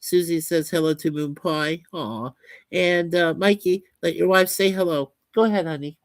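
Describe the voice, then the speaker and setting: A man's voice: fairly high pitch, normal speed, no echo. A man hosting a livestream, casually reading out and answering viewer comments in a chatty, folksy way. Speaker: livestream host reading chat. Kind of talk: casual chat.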